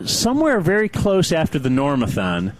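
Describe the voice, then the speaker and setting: A man's voice: on the high side, wildly swooping pitch, moderate pace. A man hosting a radio show in casual banter, teasing and laughing often. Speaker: radio host.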